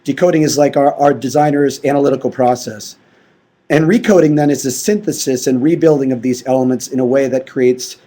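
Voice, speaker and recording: Male presenter, tired strained voice, mellow tone, slightly high, design talk. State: short of voice, clearing throat. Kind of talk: conference presentation.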